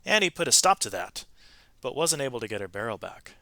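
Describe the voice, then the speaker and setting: With a mid-range voice and a fairly quick pace, a man narrates a children's story animatedly, changing emphasis from one phrase to the next. There's no room sound.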